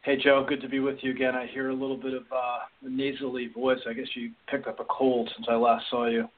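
Fast-talking male co-host on a phone line. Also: medium pitch, flat delivery. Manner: friendly, joking banter. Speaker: podcast co-host. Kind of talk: casual podcast chat. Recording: tinny phone line, distant from the mic.

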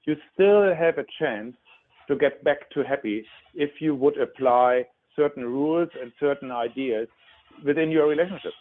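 In an interview, a relationship expert in his sixties with a German accent earnestly lays out his ideas, repeatedly restarting his words. His voice is on the high side and moves at normal speed, captured with a phone-like narrow sound.

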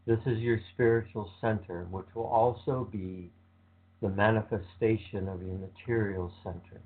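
A man leading a guided visualization meditation with slow, calm, soothing instructions. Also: on the low side, slightly rough. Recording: tinny phone-like sound.

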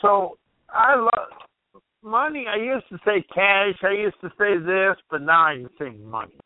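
A man's voice: high-pitched, lively intonation, normal speed, dry recording. A man hosting a motivational call-in radio show, rambling and asking the listener questions while losing his voice. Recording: tinny phone-like radio line.

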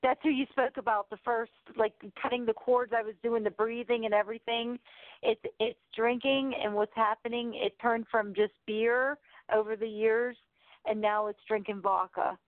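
A woman's voice: on the high side, steady tone, normal speed, no echo. A middle-aged woman calling in to a radio show over the phone, talking directly and urgently with some stumbles and restarts. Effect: phone-line caller voice. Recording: tinny dry phone line.

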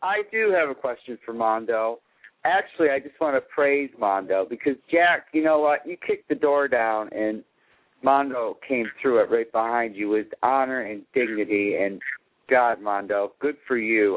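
An effusive male caller from Florida speaks over a tinny phone line into a radio show. His voice sits at an ordinary middle pitch, squeezed thin by the narrow band of the call. He talks in a chatty, warm-hearted rush. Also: normal speed, no room sound.

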